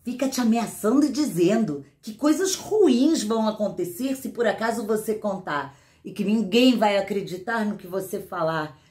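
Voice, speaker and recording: Expressive woman telling a children's story. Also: mid-range voice. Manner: expressive, sing-song, with dramatic pauses. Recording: roomy echo.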